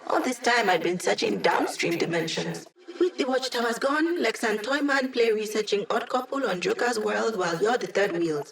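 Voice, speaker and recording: A woman's voice: medium pitch, moderate pace, creaky, reverberant, recorded from a distance, lightly acted, rough recording. A woman voicing a cocky, playful young female hacker in a video game, with a wry, teasing, self-assured delivery. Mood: wry, businesslike. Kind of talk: video game character voice lines.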